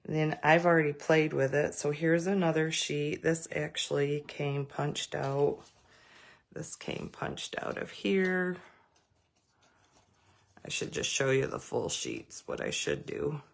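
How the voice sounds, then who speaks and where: A woman's voice: deep voice, slow pace, gravelly. A woman giving a live craft demonstration, chatty and rambling, greeting viewers by name as she goes. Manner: rambling with many fillers and restarts.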